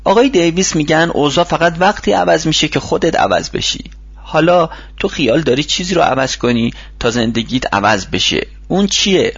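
Male reader playing patient older workshop mentor, lively advising voice, husky, dull dry audiobook sound. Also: on the high side, dry recording, pitched above the performer's own voice, heavily acted.

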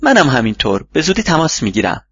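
Earnest overworked husband read by a man, husky, dull lo-fi sound. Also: a little high, big pitch swings, a bit bright, voice pushed up, exaggerated voice. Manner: earnest, slightly plaintive. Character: busy grown man seeking advice, sheepish. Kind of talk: audiobook reading. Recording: dull lo-fi recording.

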